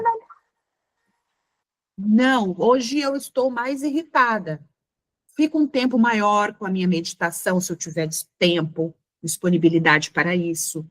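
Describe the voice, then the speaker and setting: A middle-aged Brazilian woman with a Brazilian Portuguese accent gives an earnest motivational talk as a mentor to a women's community. Her voice is a little high, she acts out little scenes in quoted voices, and the recording is dry.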